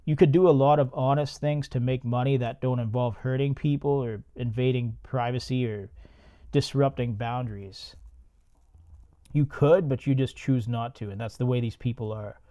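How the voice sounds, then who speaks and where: Mellow-voiced man recapping a movie. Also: mid-range voice, fairly even intonation, moderate pace. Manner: laid-back, profane, laughs at his own jokes. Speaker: podcast host. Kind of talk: movie reaction commentary.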